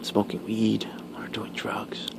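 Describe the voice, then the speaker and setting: Slow, whispering man chewing gum, creaky. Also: fairly low pitch, completely flat delivery. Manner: chewing gum while talking; halting, pausing between short phrases. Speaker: ASMR video creator. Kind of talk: whispered ASMR casual talk.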